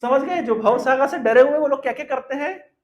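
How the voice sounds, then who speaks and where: A man giving a devotional discourse in Hindi, explaining a Sanskrit verse by asking and answering his own questions, and chanting it slowly for listeners to repeat. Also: extremely high pitch. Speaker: Vaishnava preacher.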